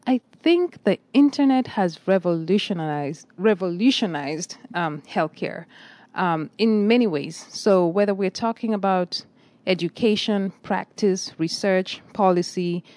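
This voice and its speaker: A middle-aged nursing director from Kenya answers interview questions in a measured, articulate way, though she uses fillers often. Her medium-pitched voice has a darkish tone, and the recording has no room sound.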